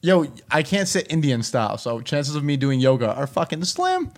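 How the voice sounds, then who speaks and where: Blunt, swearing young man, slightly high voice. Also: sing-song, normal speed. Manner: blunt, profane, argumentative bro talk. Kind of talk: casual chat among friends.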